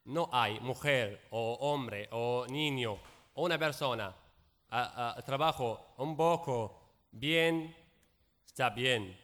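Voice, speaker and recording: A guest speaker from the Raqqa region of Syria, a native Arabic speaker with a Syrian accent, gives public testimony in halting, broken Spanish. His mid-range voice has a fairly bright tone, and he often repeats words and pauses to search for them.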